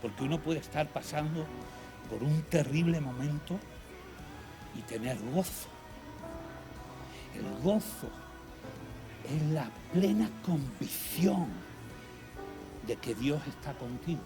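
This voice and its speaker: A man's voice: fairly high pitch, lively intonation. Earnest man sharing a testimony. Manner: earnest and conversational, with reflective pauses. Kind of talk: personal testimony talk. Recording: music playing behind the voice.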